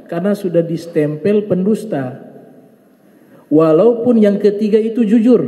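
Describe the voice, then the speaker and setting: A man preaching a religious study lecture, retelling a fable with lively storytelling and quoting Arabic phrases that he translates. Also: sits high. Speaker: Islamic preacher. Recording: echoey hall with long reverb.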